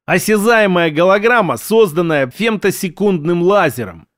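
A man's voice: high-pitched, lively intonation, moderate pace. A man reading an audiobook, voicing a sullen, scornful male tech genius who snaps at others. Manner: snapping, scornful.

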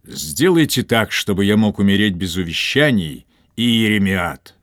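A man's voice: on the low side, lively intonation, normal speed, fairly bright tone, no echo, studio quality. A man voicing a stubborn, wounded captain who curses and refuses last rites, weak and in pain. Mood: pleading. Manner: gruff, scornful, swearing. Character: stubborn dying male captain, defiant, cursing.

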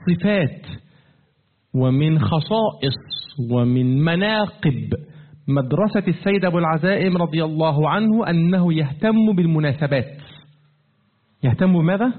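A man teaching a religious lesson, asking his listeners questions and repeating them, his pitch swinging up and down as he slows to stress key words. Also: expressive. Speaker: teacher of Quran commentary. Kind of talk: classroom-style religious lesson. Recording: tinny phone-like lo-fi recording.

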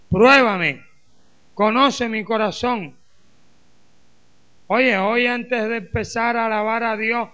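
A pastor from Colombia with a Caribbean coast Spanish accent, preaching a lively sermon and acting out his congregation's voices. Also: sits high, clean tone, dull audio.

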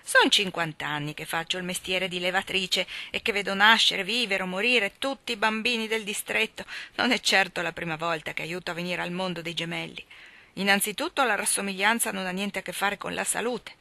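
A woman's voice: on the low side, vocal fry, sharp tone, no echo. A woman reading aloud, voicing an old village midwife who speaks with emphatic, confident reassurance.

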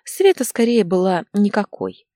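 A woman narrating an audiobook story in an expressive storytelling manner. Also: mid-range voice, unhurried, no echo, studio quality. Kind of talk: scripted narration.

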